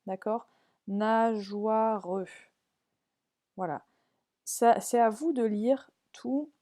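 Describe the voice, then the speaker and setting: A primary school teacher with a mellow, mid-range voice walks parents and pupils step by step through a learning app on screen. She patiently checks that they are following along.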